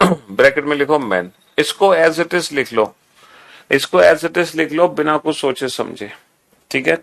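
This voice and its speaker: A man's voice: on the high side, creaky, fairly bright tone. A male teacher giving an exam-prep lecture, repeating instructions again and again and calling the students "beta". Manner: repetitive drilling instructions, calls students beta.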